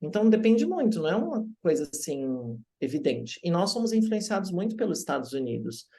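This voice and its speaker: A man from Brazil, an English teacher telling stories in a casual interview, lively and acting out the voices of people he quotes. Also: a little high, a little fast. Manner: animated, acts out quoted voices.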